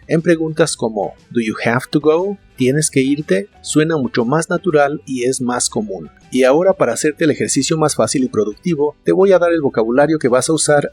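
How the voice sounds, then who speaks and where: A man narrating a scripted language lesson, saying each word twice slowly and clearly. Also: on the high side, darkish tone. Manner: slow, carefully enunciated word repetitions. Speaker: English teacher.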